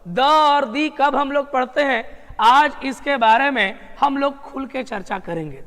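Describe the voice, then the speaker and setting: A man's voice: very high-pitched, a little slow, pushed and bright, long reverb tail. A male English grammar teacher giving an exam-prep lesson, chatty and repetitive, calling his students brother and friend.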